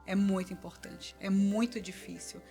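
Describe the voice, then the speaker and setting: A middle-aged Brazilian woman speaking as a guest in an interview, earnest and animated, repeating points for emphasis. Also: mid-range voice, normal speed, soft background music. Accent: Brazilian Portuguese. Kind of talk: conversational interview.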